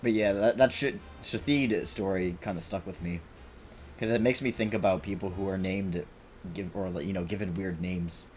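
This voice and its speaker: A man with a deep, low voice narrates his gameplay in a loose, rambling way, swearing often and muttering to himself. Faint music sits underneath his talk. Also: fairly even intonation, moderate pace, a little mellow. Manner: rambling, profane, self-talking. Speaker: game streamer. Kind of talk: casual gameplay commentary.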